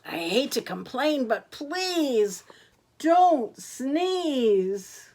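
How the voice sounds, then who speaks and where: A woman reading a fretful storybook buffalo who begs in slow, rhyming lines, her high voice kept close to her own. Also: sing-song, a little mellow, slight background noise, full character voice. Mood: pleading. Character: worried, pleading buffalo.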